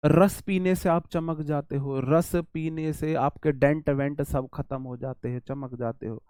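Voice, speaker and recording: A man with an Indian accent teaching a vocabulary lesson for exam students, animated and repetitive, with chatty asides. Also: on the high side, a little slow, clean tone, dry recording, studio quality.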